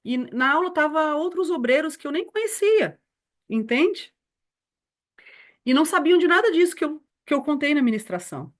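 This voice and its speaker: A woman's voice: high voice, lively intonation, normal speed. A woman in her forties, a missionary teacher sharing a personal testimony in an earnest storytelling manner. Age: 40s. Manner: earnest, storytelling, addresses listeners as beloved. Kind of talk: personal testimony in a church lesson.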